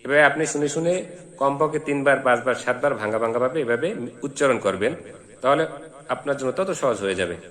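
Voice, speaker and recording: A man teaching Quran reading, spelling out each letter and vowel mark, then chanting the verse slowly. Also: mid-range voice, a bit bright. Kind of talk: Quran recitation lesson. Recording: long reverberant echo.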